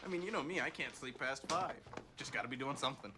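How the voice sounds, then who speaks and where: A man's voice: mid-range voice, quick pace, very noisy, natural voice. A young man playing a vain, eager missionary who talks keen to please. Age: young adult.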